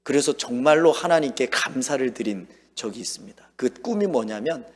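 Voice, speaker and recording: Male pastor, lively storytelling sermon, husky voice, long church reverb. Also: medium pitch. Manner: storytelling, acting out his own lines and shouts. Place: church sanctuary.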